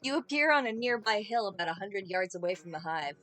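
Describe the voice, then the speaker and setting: A woman reads a visual novel's narration aloud in a middle-pitched voice, dropping in dry, playful remarks. Faint game music plays underneath her. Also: animated, fast talker, a bit bright. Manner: playful, dry asides between narrated lines. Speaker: game streamer.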